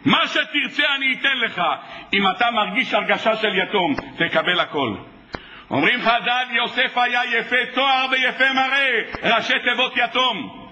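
A man delivers a sermon as a rabbi, with a high, very bright and cutting voice. He preaches with passion and acts out the conversations he quotes, as if the speakers were in front of him. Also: low-quality recording. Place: synagogue or hall.

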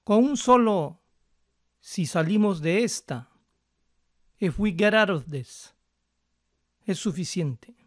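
A man calmly explaining English pronunciation step by step as a language teacher, slowing down to model words. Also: sits high, dry recording, studio quality. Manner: calm, methodical, slows down to model words.

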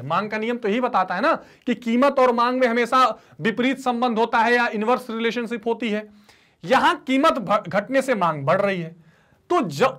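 A man's voice: very high-pitched, fairly bright tone. A male economics teacher giving an online lecture, mixing in English terms and voicing his students' replies before answering them himself. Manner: call-and-response teaching, asks students to repeat terms.

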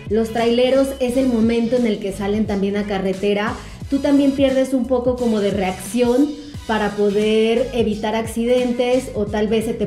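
An upbeat young woman counts off travel tips from her couch at home. Her voice sits fairly high yet mellow. The room rings a little, with soft music underneath. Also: reverberant. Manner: upbeat, announces numbered tips. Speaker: travel vlogger. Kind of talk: casual advice to camera. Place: living room, indoors.

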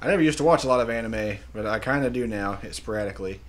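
A young man with an ordinary mid-range voice, talking loosely as a podcast co-host. He rambles in a relaxed way, trailing off and chuckling between thoughts. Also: mid-range voice, fast talker, slight background noise. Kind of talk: casual joking chat.

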